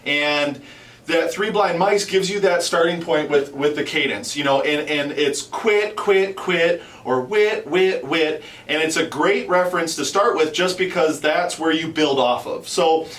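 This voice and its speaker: A male instructor talks viewers through a technique in a loose, conversational style. His voice sits a little high and he often circles back to rephrase. He is some distance from the mic, with clear room echo around him. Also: moderate pace, a bit bright. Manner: informal, repeats and rephrases himself. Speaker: host and instructor.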